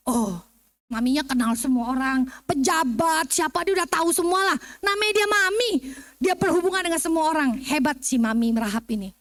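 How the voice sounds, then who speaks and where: A woman from Singapore giving a lively Bible seminar, joking and quizzing her audience. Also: sits high. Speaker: seminar speaker. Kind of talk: casual Bible teaching.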